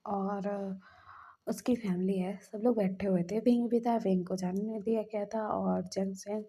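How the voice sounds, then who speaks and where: A woman's voice: mid-range voice, steady tone, unhurried, warm tone, breathy edge. A woman casually retelling a fan fiction story in a chatty way, linking events one after another. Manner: chatty, stringing events with 'then he says'.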